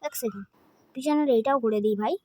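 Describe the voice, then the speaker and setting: A woman doing excited gameplay commentary, dropping Hindi phrases in as she counts and clicks. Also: a little high, fast talker, no room sound. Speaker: gaming channel host.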